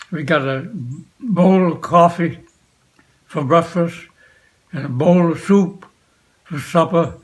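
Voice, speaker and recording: Very slow, halting elderly veteran man remembering. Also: a little high, low-quality recording. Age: 80s or older. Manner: old veteran remembering, halting short phrases with long pauses. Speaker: war veteran being interviewed. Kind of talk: unscripted reminiscence, recalling the past.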